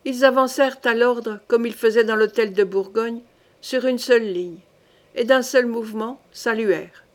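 A woman narrates a historical novel as an audiobook, reading in a steady, measured way. Her voice sits fairly high. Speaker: audiobook reader.

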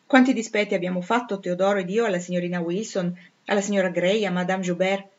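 A woman's voice: mid-range voice, fairly even intonation, quick pace, lo-fi sound, lightly acted. A woman reading aloud, voicing a haughty young noblewoman who speaks with scorn and chatters with disdain. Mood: mocking.

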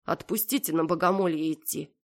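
A woman's voice: low-pitched, fairly quick. A woman doing Manichka, a cold stubborn girl. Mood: flat. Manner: monotone, indifferent. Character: stubborn indifferent young girl, cold and flat.

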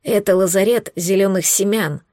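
A woman voicing a weak, hoarse wounded young man who speaks slowly and with strain. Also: medium pitch, darkish tone, no echo, clean studio sound, close to an everyday voice. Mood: weary.

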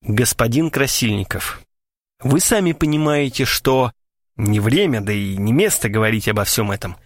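A man's voice: medium pitch, lively intonation, moderate pace, no echo, clean studio sound, close to an everyday voice. A man voicing a lazy male poet who talks in a drawling, pompous, mock-solemn way.

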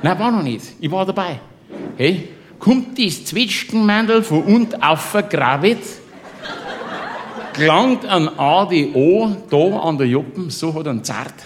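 A man's voice: a little high, lively intonation, unhurried, slight background noise. A man with a Bavarian accent telling a comic story in dialect, laughing through it and tossing chummy asides to the listener. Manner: boisterous, keeps laughing through his own tale.

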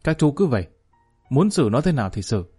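Man voicing hard-hearted older father, cold and cutting, mid-pitched. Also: sing-song, fairly quick, warm tone, slightly rough, faint music behind. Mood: cold scolding.

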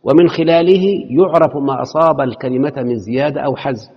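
A man's voice: mid-range voice, fast, husky. A man with an Egyptian accent teaching a classroom lecture, quizzing his students with rhetorical questions and mixing formal speech with colloquial asides. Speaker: teacher of Arabic morphology. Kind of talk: classroom lecture explaining a text. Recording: dull, echoey hall.

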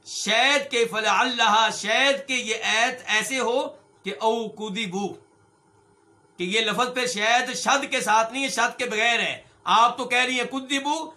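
A middle-aged man teaching a religious lesson, his voice pitched unusually high for a man and very bright and sharp. He reads each Arabic phrase slowly and then unpacks its meaning. He keeps posing questions to his listeners, whom he calls brothers, and answers them himself. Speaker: Islamic scholar and hadith teacher.

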